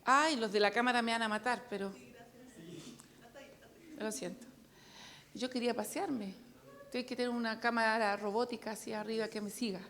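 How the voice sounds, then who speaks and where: A woman's voice: a little high, fairly even intonation, normal speed, long pauses, fairly bright tone. A woman preaching a sermon, chatty and joking with the congregation.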